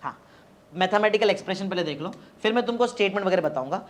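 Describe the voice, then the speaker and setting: A male teacher giving a classroom physics lecture with an Indian accent from the Marathi-speaking region, coaxing students to repeat definitions aloud in drawn-out chants. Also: high-pitched, expressive. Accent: Indian, Marathi-region Hindi.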